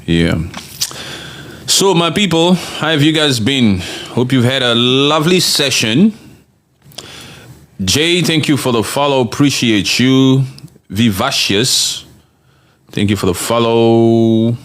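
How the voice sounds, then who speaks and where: A man's voice: mid-range voice, takes it slowly. A man hosting a podcast, chatting casually and reading viewer comments aloud, emphatic and laughing often. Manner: animated and emphatic, laughs often, repeats phrases for effect. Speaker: podcast host.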